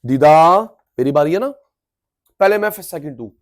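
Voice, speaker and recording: High-voiced, loud male teacher. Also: animated, moderate pace. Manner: loud, coaxing, quizzes students. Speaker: economics teacher. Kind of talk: energetic classroom lecture.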